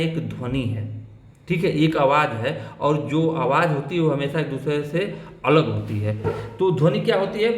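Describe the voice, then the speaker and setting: A man's voice: fairly high pitch, echoey room. A man teaching a grammar lesson for exam prep who keeps asking his own questions and answering them.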